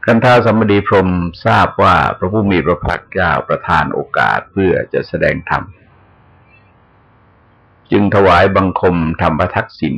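An older man, a Buddhist monk, giving a sermon in a slow, measured way with pauses as he explains. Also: sits low, creaky, fairly bright tone, breathy edge.

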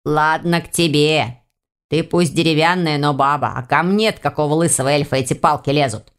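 Woman voicing a gruff low forest spirit. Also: steady tone, moderate pace. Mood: grumbling. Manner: blunt, grumbling. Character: gruff young male forest spirit, rude.

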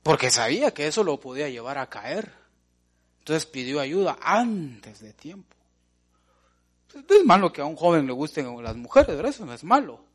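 A man preaching a sermon, lively, swinging from loud to hushed as he calls the listeners brother. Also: a little high, moderate pace. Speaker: pastor.

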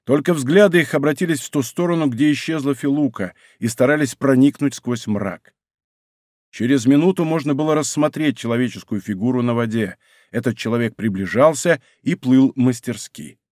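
A man reading an adventure novel aloud in measured, dramatic scripted narration. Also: medium pitch, darkish tone, dry recording, clean studio sound. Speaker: audiobook narrator.

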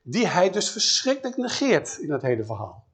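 Lively preacher acting out scripture. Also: male voice, high-pitched, moderate pace. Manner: lively storytelling, animatedly acting out quoted biblical figures. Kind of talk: sermon on scripture.

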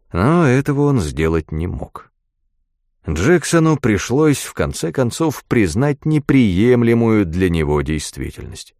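A man narrating an audiobook in an expressive literary style. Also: lowish voice, no room sound, clean studio sound. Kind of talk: audiobook reading.

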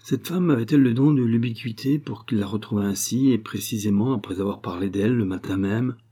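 Male audiobook reader, measured, low and husky. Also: mellow. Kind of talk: literary audiobook narration.

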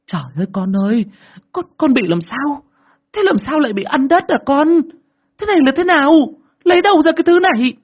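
A man voicing a frantic young mother who shouts shrill, panicked questions at her child. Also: animated, moderate pace, long pauses, husky. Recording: dull lo-fi recording.

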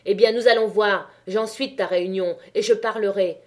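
A proud, bitter man who spits out heated accusations at a rival, voiced by a woman reading an audiobook. The voice stays mellow and dark under the anger. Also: mid-range voice, fairly even intonation, normal speed, natural voice. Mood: angry. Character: angry rival male innkeeper, bitter and proud.

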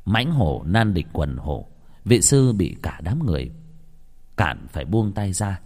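A man narrating a scripted horror story, dramatic and expressive. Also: low-pitched, unhurried. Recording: long hall reverb.

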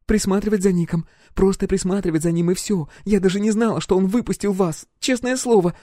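A man reading an audiobook and voicing a frightened young woman spy who snaps back at first and then begs in a high, strained voice. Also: brisk, dark tone, no echo, clean studio sound. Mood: pleading. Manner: high, strained, tearful pleading. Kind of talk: audiobook character voice.

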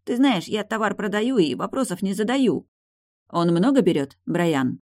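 A woman's voice: medium pitch, expressive, moderate pace, a little mellow, no echo, pitched above the performer's own voice, close to an everyday voice. A woman reading the part of a scared but defiant male drug dealer in an audiobook. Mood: groaning. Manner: whining, defiant.

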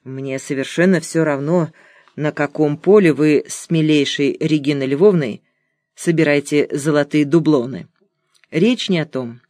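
A woman reading an audiobook, voicing a calm, wry male private detective in a measured, soft tone. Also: lowish voice, no room sound, clean studio sound.

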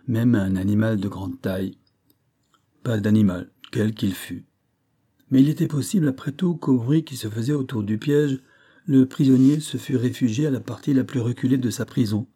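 A man's voice: normal speed, dark tone, breathy edge. A man reading a classic adventure novel aloud, lifting his voice for the characters' lines. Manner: reads dialogue with raised pitch and force. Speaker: audiobook reader. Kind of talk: scripted narration of a classic novel.

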